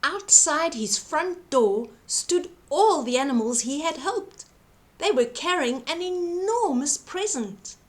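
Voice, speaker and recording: Animated older woman reading a bedtime story. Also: high-pitched, takes it slowly. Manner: animated, sing-song, addressing young listeners. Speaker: storyteller reading children's books aloud. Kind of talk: expressive bedtime storybook read-aloud for children.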